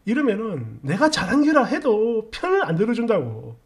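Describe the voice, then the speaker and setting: A middle-aged man hosting a story channel, commenting casually on a reader's story and thinking aloud with many pauses. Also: on the high side, very animated, vocal fry, husky.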